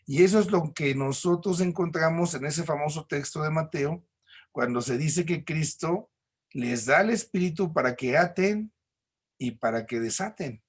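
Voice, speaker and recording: A man's voice: fairly high pitch, moderate pace, husky. A man with a Mexican accent teaching a recorded church class, explaining patiently with homely examples and frequent tag questions.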